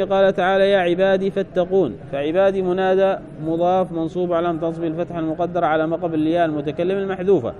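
An Arabic grammar teacher with a notably high, warm voice leads a classical grammar lesson, reading a passage aloud before explaining it in a measured, patient manner. He often pauses to make sure his listeners are following, and the recording is muffled with slight background noise.

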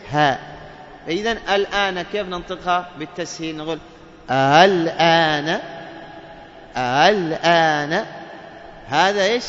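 A man teaching a recitation class, explaining step by step, asking questions and answering them himself, and drawing out sounds to demonstrate them. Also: fairly bright tone. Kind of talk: classroom lesson on tajweed. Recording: distant boomy hall, dull lo-fi, faint hiss.

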